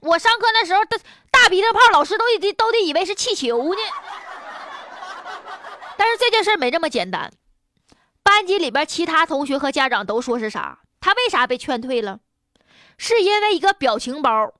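A woman's voice: very high voice, sing-song, moderate pace, long pauses, bright, forceful tone, a little hiss or hum. A woman with a Northeastern Mandarin accent hosting humorous, colloquial news commentary in a blunt, opinionated way. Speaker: host of a news commentary show.

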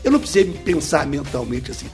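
Male teacher guest, bit high, very lively delivery, didactic, faint music behind. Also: quick pace. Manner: lively, didactic, full of examples. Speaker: speed-reading teacher, guest. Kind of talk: explanatory interview answers.

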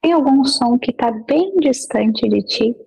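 Breathy, gravelly woman guiding a meditation. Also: a little high, poor audio. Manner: gentle, unhurried instructions with long pauses. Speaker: meditation guide. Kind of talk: guided meditation.

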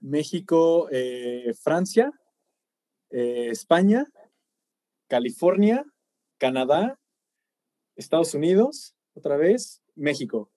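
A man's voice: a little high, slow, pauses often, no echo. A man, a podcast guest in casual chat, reeling off travel stops and laughing often. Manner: animated, laughs often, long lists of places.

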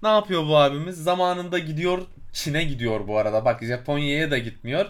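This is a travel podcast co-host, a man with a slightly high voice, talking briskly. He rambles through a long, casual story, leaning on fillers and searching for the right words.

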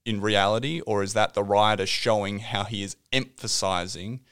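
A man co-hosting a faith podcast, explaining a Bible passage in a relaxed, teasing way. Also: on the low side, normal speed, clean tone, no room sound, clean studio sound. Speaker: podcast co-host. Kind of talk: casual Bible teaching chat.

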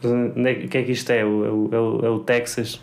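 A man's voice: mid-range voice, flat delivery, quick pace, gravelly, darkish tone. A young man chatting casually as a podcast co-host, slangy and ranting in mock exasperation. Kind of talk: casual comedic chat.

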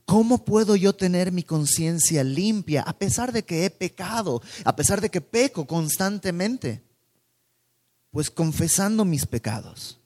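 A man preaching a sermon in a calm teaching tone, posing rhetorical questions to his listeners. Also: sits high, measured pace. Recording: long hall reverb.

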